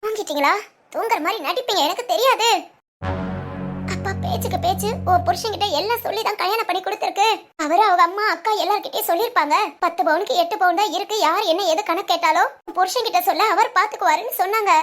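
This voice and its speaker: Woman voicing a young pregnant wife, very high-pitched, rapid, pleading, anxious, cartoon. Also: a bit bright, soft background music. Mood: worried. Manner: pleading, worried, fast questions. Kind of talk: cartoon family drama voice acting.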